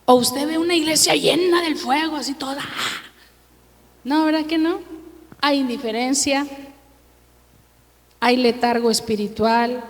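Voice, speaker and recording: High-pitched woman preaching in a reverberant hall. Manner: emphatic, keeps asking the congregation questions; slow, drawn-out reading of scripture verses. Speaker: pastor. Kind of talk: sermon. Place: church sanctuary.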